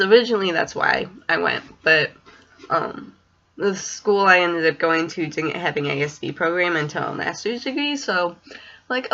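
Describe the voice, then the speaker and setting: A woman in her twenties, a special education student teacher with a speech impediment that makes her say w for r, rambles hesitantly in a casual home vlog from a small indoor room. Her deep voice comes across bright and forceful. The recording, from a webcam or computer mic at desk distance, is muffled.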